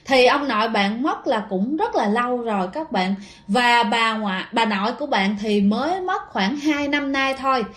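A woman's voice: fairly high pitch, expressive, moderate pace, fairly bright tone. A woman narrating a ghost story in a casual, chatty way, talking straight to her listeners with plenty of fillers. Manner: chatty, addresses listeners directly, many fillers.

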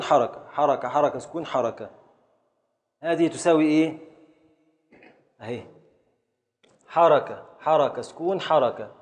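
A man's voice: mid-range voice, long reverb tail. A man with an Egyptian Arabic accent teaching a classroom lesson, drilling his students step by step with repeated questions.

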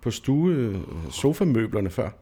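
A man's voice: medium pitch, lively intonation, warm tone, breathy edge. A man co-hosting a podcast from his living room, chatting casually with dry, teasing replies. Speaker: podcast co-host. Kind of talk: casual chat.

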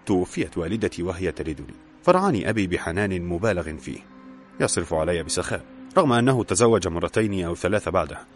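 A man reading the lines of a lively young woman who writes for a magazine, asking curious questions in a storybook reading. His voice stays low and his own. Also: a little hiss or hum.

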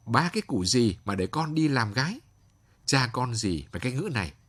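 A man's voice: mid-range voice, very animated, moderate pace, fairly bright tone, breathy edge. A man voicing a brutal, sneering young street thug in a storybook tale. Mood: threatening. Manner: taunting, threatening.

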